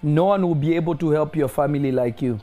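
A man's voice: on the high side, quick pace, mellow, faint music behind. A man delivering a prophetic word to a caller, declaring blessings and often asking if he is listening. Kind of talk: prophetic ministry over a phone call.

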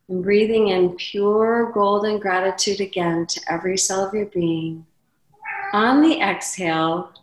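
Woman, lowish voice, calm meditative tone, guided breathing exercise, soothing, roomy echo. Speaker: podcaster and teacher guiding a breathing meditation as guest.

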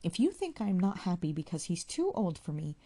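A woman's voice: fairly low pitch, sing-song, a little fast, dark tone. A woman voicing a proud, touchy young married woman who speaks defensively and with emotion.

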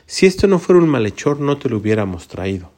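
A man's voice: medium pitch, sing-song, quick pace, a little mellow. A man reading as an insistent accusing crowd. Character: accusing crowd of priests and people.

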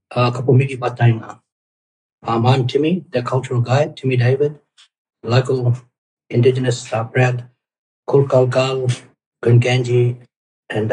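Middle-aged man, cultural guide as interview guest; thoughtful, halting delivery with frequent fillers. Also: mid-range voice, a little mellow, low-quality recording. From Australia, Torres Strait Islands. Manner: halting, many ums and restarts. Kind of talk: casual interview answers.

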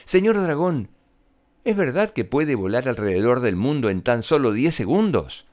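A man voicing a brave, determined young princess in a children's storybook reading, with an excited, cunning manner. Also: medium pitch, moderate pace, close to an everyday voice.

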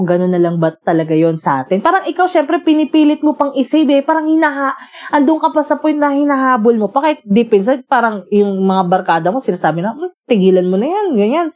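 Woman, casual storyteller, animated and chatty, quotes the argument. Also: mid-range voice. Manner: animated, quotes both sides of a breakup argument, laughs often. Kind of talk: casual storytelling among friends.

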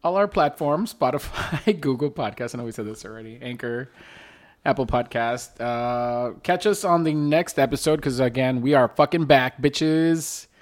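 A man's voice: medium pitch, normal speed. A man co-hosting a podcast in loose, casual banter, swearing and laughing often. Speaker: podcast co-host.

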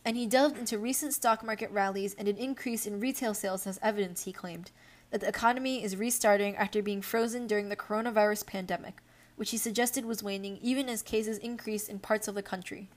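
A young woman in the host's chair, reading news articles aloud at an even, mid-range pitch. She moves between steady read-aloud passages and loose, unscripted asides full of little fillers. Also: fairly quick. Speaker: podcast host.

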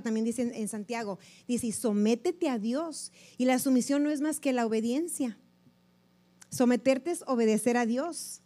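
Woman, high voice, sermon to women, emphatic, acts out quoted lines. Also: a little mellow. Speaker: women's ministry preacher.

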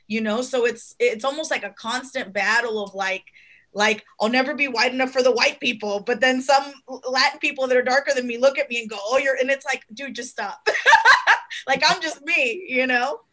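A woman born in Cuba hosts a casual interview in a bright, fairly high voice. She is chatty and laughs often, and she acts out what other people have said to her. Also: moderate pace. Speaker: podcast host.

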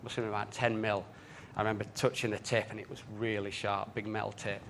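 A man tells a personal story in an earnest way. His voice sits a little low. A faint ambient hum runs behind him. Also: level tone, fast talker, vocal fry. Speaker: speaker.

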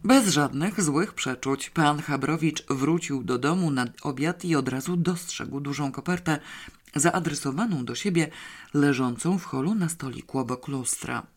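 Expressive audiobook narrator, middle pitch, dramatic storytelling. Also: normal speed.

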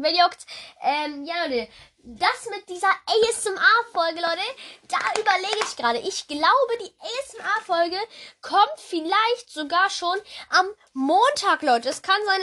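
A teenage girl hosting her own podcast in casual, rambling chat, giggling often and excitable as she talks to her listeners. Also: very high-pitched, a little hiss or hum. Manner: rambling, giggly, excitable, keeps saying "Leute". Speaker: podcast host. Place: home recording chair.

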